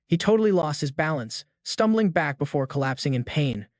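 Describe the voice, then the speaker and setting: A man's voice: fairly high pitch, expressive, fairly quick, dry recording, clean studio sound. A man narrating a scripted story recap in a casual, slangy way.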